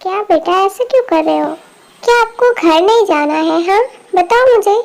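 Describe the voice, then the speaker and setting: A woman's voice: extremely high pitch, lively intonation, normal speed, gravelly, darkish tone, exaggerated voice. A woman voicing a worried, affectionate middle-aged mother in an amateur fan dub, with an anxious, motherly manner.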